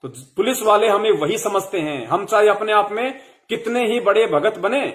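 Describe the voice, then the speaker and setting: A man's voice: high-pitched, moderate pace, fairly bright tone. A young man giving a heated devotional sermon to fellow followers, scolding them with rhetorical questions.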